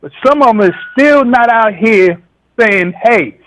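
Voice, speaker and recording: A man with a high-pitched voice talks as a caller on a radio show. His delivery is casual and slangy, and he keeps checking in with tags like "you know.". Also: animated, measured pace, fairly bright tone, rough recording. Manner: slangy, conversational, repeats "you know what I'm saying". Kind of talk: casual call-in monologue.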